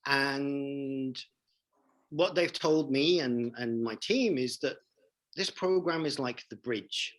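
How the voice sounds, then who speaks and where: A man's voice: mid-range voice, slow, fairly bright tone, low-quality recording. Enthusiastic man in his forties. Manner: enthusiastic, emphatic, repeats phrases for emphasis. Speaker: leadership coach and trainer. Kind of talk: interview guest storytelling.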